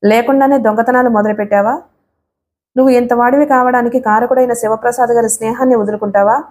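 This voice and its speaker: Woman narrator as a menacing bully of a brother-in-law, shouting threats, audiobook thriller. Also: on the high side, steady tone, fast, lightly acted.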